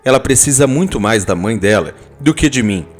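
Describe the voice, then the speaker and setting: A man voicing a calm, firm estranged husband, speaking soft, low and steady. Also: normal speed, faint music behind, close to an everyday voice.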